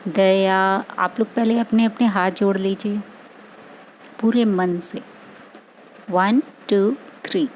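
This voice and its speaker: A woman's voice: mid-range voice, steady tone, slow pace, pauses often, darkish tone, a little hiss or hum, low-quality recording. A woman music teacher giving an online class, patiently correcting her pupils' pronunciation word by word. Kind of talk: online class lesson on singing a prayer.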